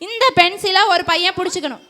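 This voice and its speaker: A woman's voice: very high voice, a little fast, pushed and bright, long reverb tail. A woman organizing a children's event, explaining game rules step by step and checking that the kids understand. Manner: repeats steps and checks for understanding. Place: church hall.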